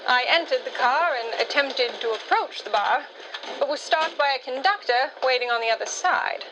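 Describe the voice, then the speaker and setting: A woman's voice: high-pitched, moderate pace, noisy background. A woman narrating and acting her own part in a radio drama, witty and self-assured. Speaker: storyteller.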